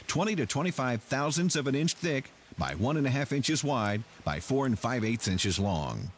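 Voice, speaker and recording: A man narrates a scripted plant tour in a measured, explanatory way. His mid-pitched voice moves up and down in a lively way. Faint machinery noise sits behind him.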